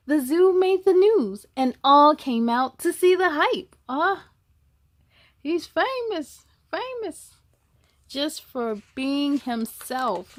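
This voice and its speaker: A high-pitched woman hosts story time, reading a picture book aloud to children in an unhurried way. She's animated, exclaiming, gasping, musing, and asking the listeners questions in chatty asides. The recording has no room sound.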